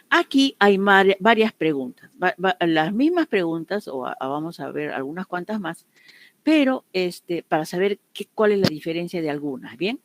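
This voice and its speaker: A woman's voice: lowish voice, no room sound. A woman English teacher explaining grammar to her students, patiently repeating each example and often checking that they have understood. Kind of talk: online class explanation.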